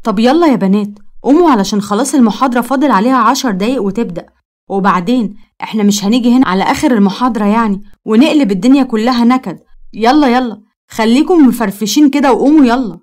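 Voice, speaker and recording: A woman's voice: on the high side, fast, a little mellow, natural voice. A woman doing an earnest scolding student friend. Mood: cheerful. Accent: Egyptian Arabic. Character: earnest, devout young female student friend.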